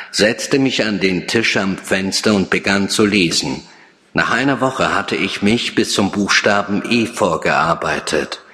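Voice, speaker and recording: Male reader, slightly low voice, deliberate unhurried literary reading in a reverberant hall. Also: a bit bright. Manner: measured, deliberate delivery. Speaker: author reading his prose.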